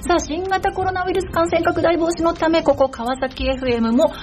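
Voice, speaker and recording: A woman's voice: very high voice, fairly even intonation, a little fast, a little mellow, slight background noise. A woman hosting a live radio show from a studio, presenting politely and chattily with frequent small interjections. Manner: polite, chatty, often punctuates with "hai" and "ne". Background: background music.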